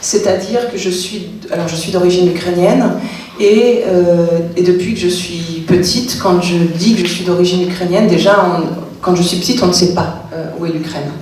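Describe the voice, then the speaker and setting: This woman author has a fairly low, slightly mellow voice and talks at a normal speed, though haltingly, with frequent fillers and restarts. She is addressing a public literary talk in a cultural centre hall, recorded distantly in an echoey space with a little hiss or hum.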